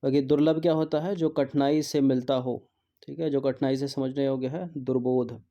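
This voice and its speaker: A man's voice: mid-range voice, fairly even intonation, normal speed, dull audio. A male teacher going through exam practice questions, repeating words to drill their spelling and mixing in English terms.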